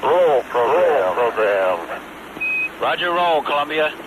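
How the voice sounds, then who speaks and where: A man's voice: a little high, big pitch swings, slow pace. A man making short, formal callouts over a crackly air-to-ground radio link that sounds like a sci-fi communicator. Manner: clipped, formal call-and-response. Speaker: astronaut and flight controller on radio. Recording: noisy distant radio transmission.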